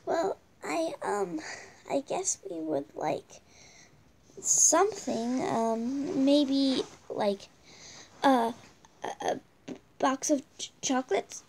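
A polite young girl in a homemade toy play, voiced by a female amateur, speaks hesitantly. The voice is fairly high and the pace very slow. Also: gravelly, a little mellow, a little hiss or hum, exaggerated voice. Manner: hesitant, drawn-out.

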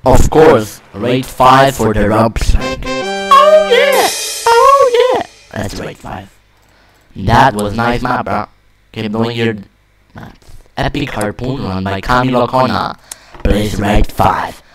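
A young man hosting a let's play, loud and profane, cursing and yelping at every in-game mishap. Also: fairly low pitch, steady tone, takes it slowly, faint music behind, poor audio. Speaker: gaming channel host. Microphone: desk microphone.

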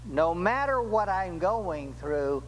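An older man preaching a sermon as pastor in a church, slow and deliberate, rising emphatically on key words, recorded at a pulpit microphone. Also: sits high, expressive, long reverb tail, slight background noise, rough recording. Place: church sanctuary.

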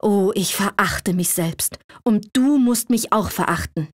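A woman's voice: mid-range voice, a little slow, dry recording, natural voice. Woman reader as a bitter, proud young man; cold and somber, dry close recording. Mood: self-reproaching.

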